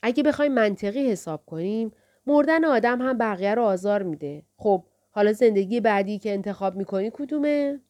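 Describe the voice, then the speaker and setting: A woman narrator voicing a calm, firm older woman librarian who reasons patiently. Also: mid-range voice, close to an everyday voice.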